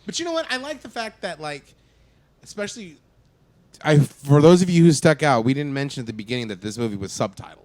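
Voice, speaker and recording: Excitable slightly high-voiced man. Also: fast talker, no room sound. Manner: excitable, swears, acts out movie lines. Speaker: co-host. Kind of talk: casual post-movie discussion.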